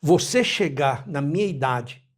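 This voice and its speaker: A man in his eighties from Brazil, speaking as an interview guest in a measured, reflective way and quoting scripture and proverbs. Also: fairly high pitch, lively intonation. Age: 80s. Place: his home.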